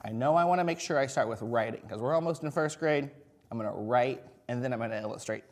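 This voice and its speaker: A man teaching young children in a video lesson, encouraging, using simple words and asking frequent questions as if talking to little kids. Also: medium pitch. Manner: encouraging, singles out and spells words slowly. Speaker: first grade teacher.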